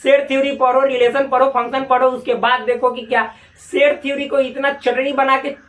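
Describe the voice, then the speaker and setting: A man's voice: very high voice, level tone, a bit bright, far from the mic. A male maths teacher gives a casual, joking lesson, stretching and repeating his words. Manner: joking, colloquial, drawn-out repetitions. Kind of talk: casual classroom lecture. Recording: echoey room, voice from afar.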